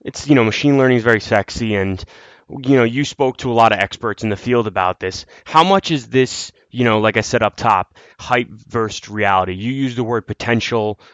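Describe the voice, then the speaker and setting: A man's voice: mid-range voice, normal speed, fairly bright tone, dry recording. A man hosting a podcast in a conversational style, introducing topics and putting questions to his co-host. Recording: dry, dull lo-fi audio.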